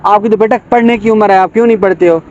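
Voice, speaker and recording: A man talks gently and coaxingly outdoors, repeating his questions. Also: high voice, steady tone, rapid-fire, muffled recording. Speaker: passerby filming. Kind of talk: casual street talk.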